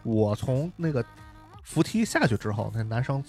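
A man co-hosting a podcast, telling a story in casual chat, animated and chatty with many tag questions. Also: medium pitch, normal speed, faint music behind. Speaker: podcast co-host.

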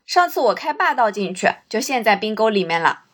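A woman's voice: medium pitch, big pitch swings, brisk, fairly bright tone. A woman voicing a plain-spoken, complaining male tour driver in a story, with colloquial, emphatic speech. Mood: exasperated. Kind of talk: acted quote in narrated story.

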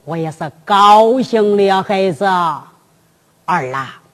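A woman doing a deep-voiced old father. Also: expressive. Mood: scheming, instructing. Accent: Henan. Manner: drawn-out, deep, deliberate elder's speech. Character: slow-spoken old father, scheming, low-voiced. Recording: long hall reverb with music.

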